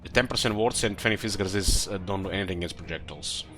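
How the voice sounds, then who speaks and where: Casual male gamer commentator, lower register, halting think-aloud delivery, clear music underneath. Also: pushed and bright. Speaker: gamer commentating own play.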